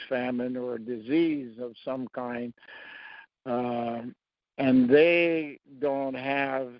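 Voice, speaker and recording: A man talking through a slow, rambling monologue, pausing often between short phrases. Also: medium pitch, no echo, dull audio. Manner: halting, long pauses between phrases. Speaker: speaker sharing beliefs.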